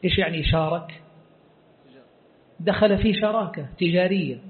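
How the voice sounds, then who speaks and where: A man teaching as a scholar, explaining a religious text in a measured, explanatory way. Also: high-pitched. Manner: measured, explanatory, quotes sources then comments. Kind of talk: classroom lecture explaining a hadith text. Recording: tinny phone-like lecture recording.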